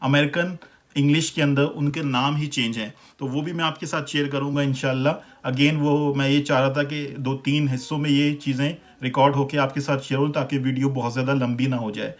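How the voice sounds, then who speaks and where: A man with a Pakistani accent teaches pronunciation in a relaxed, chatty way. He repeats each word slowly so the listener can compare the two versions. His voice sits at an ordinary middle pitch for a man. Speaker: language teacher. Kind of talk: casual explanatory lesson.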